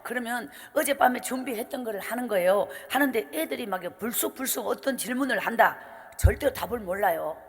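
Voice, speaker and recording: A middle-aged woman evangelist with a strong Gyeongsang accent preaches at a revival, her voice pitched high. She tells her story in an animated way and acts out every exchange. A long hall reverb trails her words through the church. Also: brisk. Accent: Gyeongsang Korean. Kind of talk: revival sermon testimony. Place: church sanctuary.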